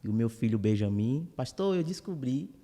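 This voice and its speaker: A man, a guest preacher who speaks with warm, grateful greetings. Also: medium pitch, animated, normal speed, big-room sound. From Salvador, Bahia, Brazil. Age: 20s. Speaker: guest preacher, church elder. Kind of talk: casual interview talk.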